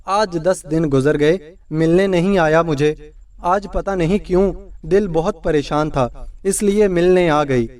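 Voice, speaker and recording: A man's voice: a little high, a little mellow, distant mic, close to an everyday voice. A man reading a fretful doting old mother. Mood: worried. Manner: fretful, tender questioning. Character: worried, doting older mother.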